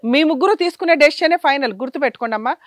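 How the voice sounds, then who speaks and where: A woman's voice: high-pitched, racing, no echo, clean studio sound. A woman advocate hosting a counseling show, stern and scolding as she lectures the family in front of her. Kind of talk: confrontational counseling on a reality show.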